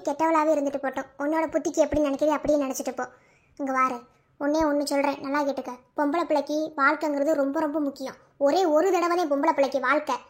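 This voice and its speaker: A woman's voice: high voice, lightly acted. A woman voicing a fierce, outspoken married sister-in-law who scolds and lectures in a Madurai Tamil accent. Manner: scolding, lecturing, sharp-tongued.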